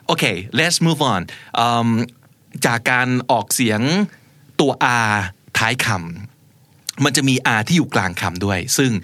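Slow, unhurried Thai man teaching English sounds. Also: medium pitch, animated, pushed and bright, no room sound. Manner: explains in Thai, models words slowly. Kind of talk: bilingual pronunciation lesson.

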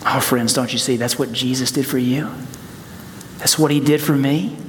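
A man's voice: medium pitch, steady tone, moderate pace, a little hiss or hum. A man preaching a sermon as pastor, earnest, in a church sanctuary. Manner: earnest, preaching then praying. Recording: church hall reverb, soft music.

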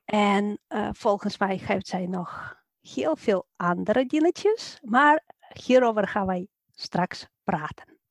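A woman's voice: medium pitch, slow pace, no room sound, studio quality. A woman from Ukraine with a Ukrainian accent, hosting and asking cheerful questions of a guest. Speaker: host. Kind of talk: interviewing a guest.

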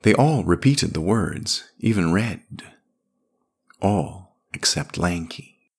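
A man narrating a scripted fantasy story in a measured, expressive reading. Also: low voice, gravelly, breathy edge.

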